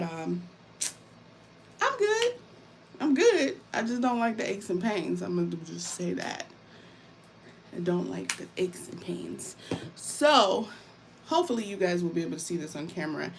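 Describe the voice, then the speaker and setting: A woman hosting a casual live stream, warmly welcoming viewers in informal talk and repeating phrases for emphasis. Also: lowish voice, creaky, a little hiss or hum. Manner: warm, welcoming, greets viewers by name. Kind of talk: casual live-stream chat while painting.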